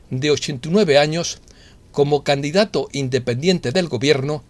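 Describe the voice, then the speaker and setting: A man's voice: a little high, no echo. Spanish man reading an opinion monologue. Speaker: opinion vlogger.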